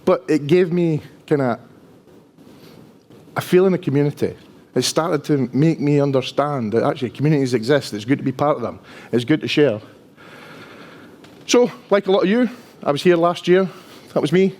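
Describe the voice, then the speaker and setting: Male conference presenter, 50s, strong Dundee accent, slightly high-pitched voice, chatty and self-deprecating. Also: normal speed, pauses often, a little mellow. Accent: strong Dundonian Scottish. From Dundee, Scotland. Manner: chatty, self-deprecating, often tags sentences with "right?". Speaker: conference speaker, IT engineer.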